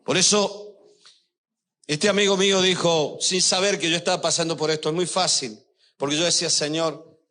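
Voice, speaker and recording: The older preacher's voice is high-pitched and sharp, steady in tone and a touch fast. His sermon is full of emotional personal storytelling, delivered directly to the congregation he pastors.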